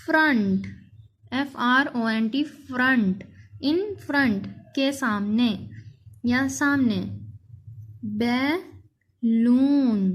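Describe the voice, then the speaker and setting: A woman teaching an English vocabulary lesson, drawing out each word slowly before explaining it quickly. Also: on the high side. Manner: slow, drawn-out word readings followed by quick explanations.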